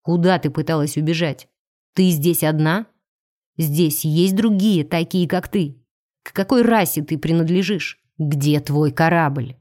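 A woman's voice: low-pitched, unhurried, a little mellow. A woman reading an audiobook, voicing a cold, commanding male alien starship captain. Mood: interrogating.

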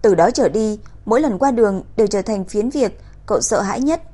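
A woman reading a crime novel aloud in an even, steady storytelling voice. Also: mid-range voice, brisk. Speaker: narrator. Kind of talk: audiobook narration.

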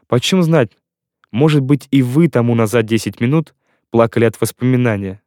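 A man narrating a classic novel in the first person, with ardent and expressive delivery. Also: mid-range voice, normal speed, no echo, studio quality. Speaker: audiobook narrator.

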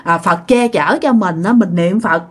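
A woman's voice: fairly low pitch, a little slow, husky. Woman voicing a grandmother. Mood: reassuring. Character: elderly grandmother urging and comforting her family.

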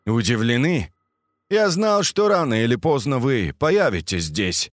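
A man voicing a cold, calm villain professor in an audiobook story, speaking mockingly. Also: medium pitch, measured pace, no room sound, clean studio sound.

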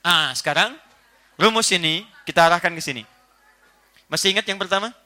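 A man giving a religious lecture to a live audience, animated and playful, acting out little household scenes. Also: sits high, brisk. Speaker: preacher.

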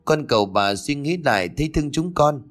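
A man's voice: mid-range voice, animated, moderate pace, lightly acted. A man voicing a timid young servant girl who wails and pleads with her mistress. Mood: pleading fearful. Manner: wailing, pleading.

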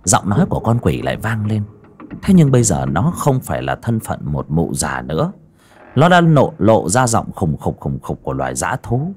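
A man narrating a horror audiobook in a dramatic, expressive way. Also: sits low, normal speed, breathy edge, soft background music. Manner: expressive, rising and falling with the drama.

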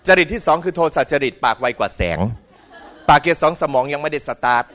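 A middle-aged man giving a humorous dharma talk in a school hall. He is animated, mimics voices for comic effect and keeps asking the audience questions. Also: on the high side, fast talker, some chatter behind. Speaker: Buddhist lecturer.

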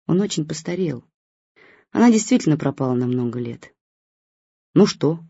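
A woman's voice: sits low, expressive, brisk, creaky, warm tone, husky, no room sound. Woman, audiobook narrator, plain weary delivery. Dry, close recording. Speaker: audiobook reader. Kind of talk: first-person audiobook narration. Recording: dull lo-fi recording.

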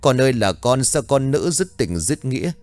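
A man voicing a grieving village mother who wails and cries out in high, shrill lament for her dead son. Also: sing-song, normal speed, darkish tone, dry recording, lightly acted. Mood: wailing grief.

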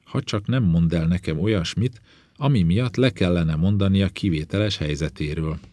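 A man reading the part of a young judge, speaking in a measured, serious way. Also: low voice, dark tone. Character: young male judge, earnest and dutiful.

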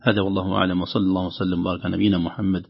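Gravelly, husky man teaching recitation. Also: low-pitched, flat delivery, dull audio. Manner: measured, stretches out quoted verses slowly. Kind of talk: explaining recitation rules with spoken examples.

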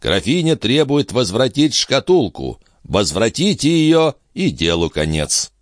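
A man voicing a cool, scheming count in an audiobook, smooth, measured and sly. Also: mid-range voice, sing-song, no room sound, studio quality, voice pushed up. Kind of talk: audiobook character voice.

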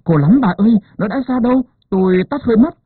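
A man's voice: high-pitched, expressive, fast talker, slightly rough, no echo, voice pushed up. A man voicing a young peasant woman in painful labor who wails and pleads breathlessly. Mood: wailing. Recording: narrow phone-like sound.

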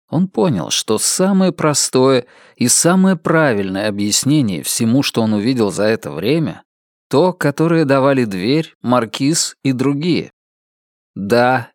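A male audiobook narrator reads with calm, even pacing in a mid-pitched voice. The recording is dry and close, with no room around it. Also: dry recording. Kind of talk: scripted narration.

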